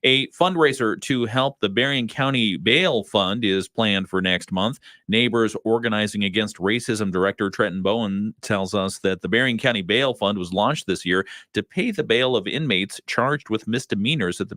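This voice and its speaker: A man co-hosting a morning radio show, chatting and laughing, then reading local news in a steady newsreader delivery in a studio. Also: fairly low pitch, dry recording. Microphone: studio mic.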